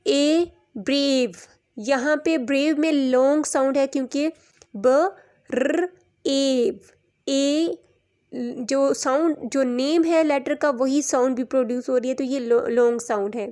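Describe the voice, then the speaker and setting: High-voiced, slow woman teacher. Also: fairly even intonation, a little mellow. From Pakistan. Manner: spells words out sound by sound, switching to Urdu to explain. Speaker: English teacher. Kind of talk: recorded classroom lesson.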